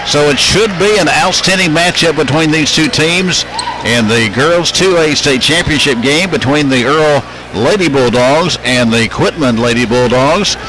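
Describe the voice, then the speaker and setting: A man's voice: fairly high pitch, measured pace, noisy background. A man hosting a radio sports broadcast, giving pregame commentary. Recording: loud music behind the broadcast.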